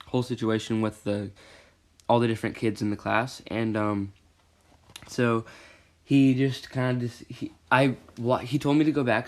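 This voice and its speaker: Teenage boy, storytime vlog, self-correcting, excitable emphasis, mid-pitched voice. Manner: rambling, self-correcting, rising to agitated emphasis.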